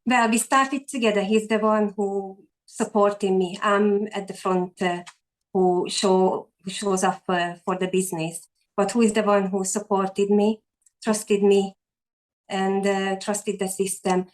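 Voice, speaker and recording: The guest, a woman from Hungary in her forties who runs an online business, earnestly tells her story during a casual interview on a video call, heard through a rough recording. Her mid-range voice has little pitch movement and a measured pace, with a Hungarian accent and frequent fillers and restarts.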